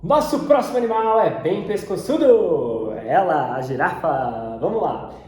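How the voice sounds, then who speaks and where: A man with a Brazilian Portuguese accent teaching English pronunciation, repeating each word slowly and carefully. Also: high voice, lively intonation, darkish tone, soft background music. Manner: repeats English words slowly and deliberately, often several times. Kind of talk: pronunciation lesson. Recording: very echoey room.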